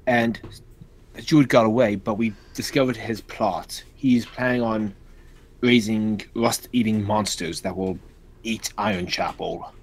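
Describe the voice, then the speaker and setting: A man's voice: on the low side, fairly even intonation, a little slow. A man speaking in character as a player in a tabletop game, casual and summarizing with fillers.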